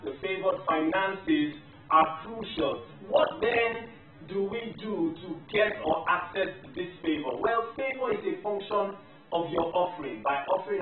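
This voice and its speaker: A man giving a motivational faith teaching, emphatic and repeating key phrases in lists. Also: sits high. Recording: tinny, roomy, distant mic with faint music.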